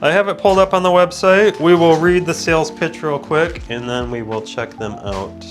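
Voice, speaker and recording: Still groggy from waking up and slightly congested in the sinuses, a man hosts a relaxed unboxing and product review video that keeps drifting off topic as he interrupts himself. His voice is a little high at a moderate pace, with soft music in the background.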